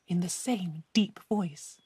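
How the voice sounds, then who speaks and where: A woman reads a simple story aloud for language learners. Her delivery is slow and careful, her voice soft and breathy, and the recording is dry and close. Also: lowish voice, dry recording. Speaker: narrator. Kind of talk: slow scripted audiobook reading for learners.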